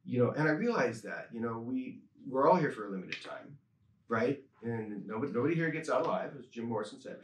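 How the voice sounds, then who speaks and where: With a mid-range voice, a little fast, a chiropractor in his fifties gives a calm, earnest, reflective interview and repeats phrases for emphasis. He sits in an office with a desk and skeleton model; a stand-mounted desk mic a bit distant captures roomy sound and a little hiss or hum.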